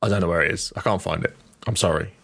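A man's voice: low-pitched, fast, vocal fry, a bit bright, slightly rough, dry recording. A man chatting casually as a podcast co-host.

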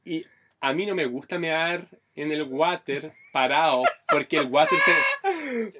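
A man's voice: fairly high pitch, takes it slowly, heavy background noise. A man with a Chilean accent, a podcast co-host telling a crude, rambling comic story. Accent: Chilean Spanish. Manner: vulgar, rambling, animated storytelling.

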